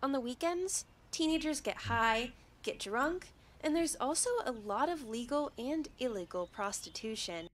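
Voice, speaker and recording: A woman's voice: fairly high pitch, animated, a little slow, few pauses. A woman narrating her own vlog in a blunt, complaining way. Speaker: video maker being reacted to.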